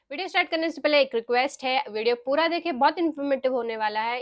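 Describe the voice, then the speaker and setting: Lady teaching phonics, spells stuff out letter by letter, really slow, dry close sound. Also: fairly high pitch, no room sound. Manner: mixes Hindi and English, spells words letter by letter. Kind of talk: explaining phonics rules.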